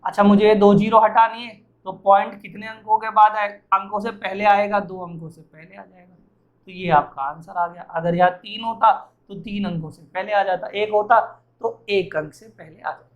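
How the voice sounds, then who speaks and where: A man's voice: sits high, fairly even intonation, moderate pace, dull audio. A man teaching arithmetic who asks and answers his own questions as he works through each problem, sounding tired. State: tired and sweaty. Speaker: math teacher. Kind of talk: explaining math problems while writing.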